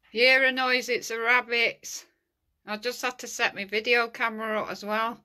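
Bright-voiced woman hunting ghosts at home. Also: a little high, flat delivery, normal speed. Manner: chatty, calls out loudly to spirits. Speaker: amateur ghost hunter. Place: stairs and landing of her house, indoors. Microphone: handheld phone.

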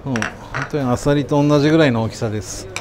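A man with a mid-pitched voice talks quickly as a working chef, chatting politely with customers and instructing staff. He explains things in an exacting way, with clear restaurant noise behind him. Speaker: sushi chef and restaurant owner. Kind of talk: casual polite talk with customers and staff at work.

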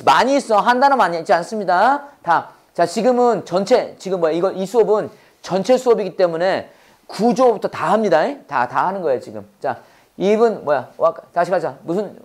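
Brief: Korean-accented woman, lower voice, church English teacher, call-and-response drills, slow English then rapid explanation. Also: a little mellow. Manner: drills words by repetition, prompting the class to repeat.

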